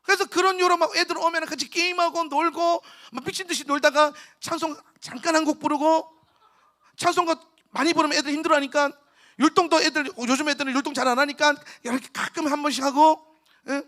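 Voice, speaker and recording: A male pastor, preaching a lively storytelling sermon to a youth camp and acting out the people he quotes. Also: extremely high pitch, fast. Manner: storytelling, acts out quotes with shouts and laughs. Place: church hall at a camp.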